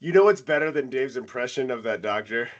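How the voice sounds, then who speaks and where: A man co-hosting a casual album review chat, telling stories with lively jumps in pitch. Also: brisk, muffled recording. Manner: animated storytelling with big pitch jumps. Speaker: podcast co-host.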